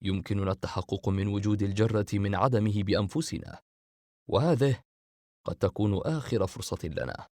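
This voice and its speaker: Eldest brother, calm and low, steady authority; man doing him, dry booth read. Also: brisk, no echo, lightly acted. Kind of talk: audiobook character reading.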